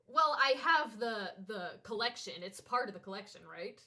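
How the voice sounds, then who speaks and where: A young adult woman chatting casually through a game playthrough, excitable, giggly and dramatic. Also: a little high, normal speed. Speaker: gamer voicing the characters.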